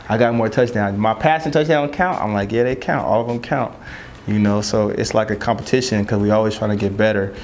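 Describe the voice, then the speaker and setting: Laid-back young man, flat low voice. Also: a little hiss or hum. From Southern California. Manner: loose, rambling, filler-heavy. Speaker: American football player. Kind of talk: casual interview talk.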